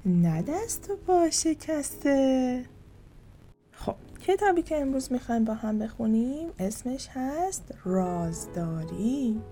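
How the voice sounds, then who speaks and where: A woman reads a children's storybook aloud in a gentle, sing-song way. Her voice sits fairly high and mellow, and swings widely in pitch. Soft music plays faintly behind her.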